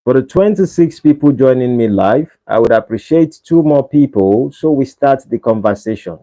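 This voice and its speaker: Warm in tone and animated, a Nigerian host with a Nigerian accent keeps a casual livestream chat going at a normal speed while pleading with viewers for likes. His voice is mid-range, and the audio is dull and lo-fi.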